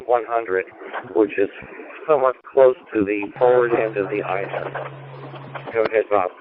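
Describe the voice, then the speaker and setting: A man talking over a two-way radio as an amateur operator running a net, halting with many filler sounds and reading out call signs. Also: fairly low pitch. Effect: heard over a two-way radio. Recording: tinny radio transmission with static.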